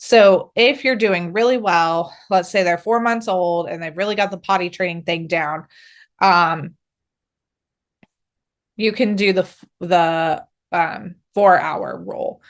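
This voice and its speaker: A woman's voice: on the low side, takes it slowly. A middle-aged woman dog trainer giving practical, reassuring instructions to camera, with many fillers and restarts.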